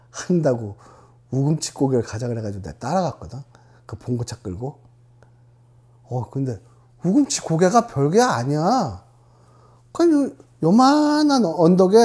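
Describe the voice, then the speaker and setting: Brief: male storyteller, casual and animated, dark mellow tone. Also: fairly high pitch. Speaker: theater company member. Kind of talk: casual anecdote.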